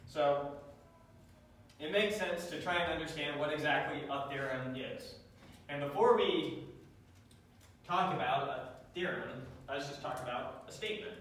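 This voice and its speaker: A man's voice: a little high, measured pace, pauses often, fairly bright tone. A man teaching a math class, lecturing and quizzing students with a dry, joking manner, recorded from the back of a classroom. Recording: echoey classroom taped from far off.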